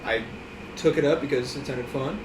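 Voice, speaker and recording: A young man, a bassist and music student, answering earnestly and haltingly with many pauses. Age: young adult. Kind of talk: casual interview answers. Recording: echoey room, far mic, background hum.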